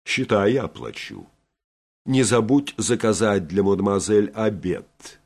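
A man reading the part of a cold, threatening middle-aged surgeon who gives orders in a measured, menacing way. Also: lowish voice, animated, darkish tone. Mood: commanding. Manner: threatening, commanding.

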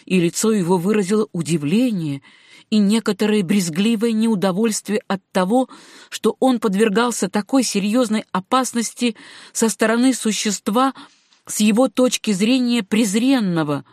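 A woman narrating a classic novel as an audiobook in a measured, even storytelling manner. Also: medium pitch, dry recording, clean studio sound.

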